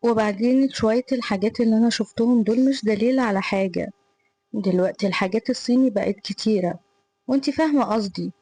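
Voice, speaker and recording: A woman's voice: a little high, quick pace, mellow, husky, dry recording, poor audio. A woman reading the part of a cruel, scornful young male tutor in an Egyptian Arabic accent, harsh and threatening.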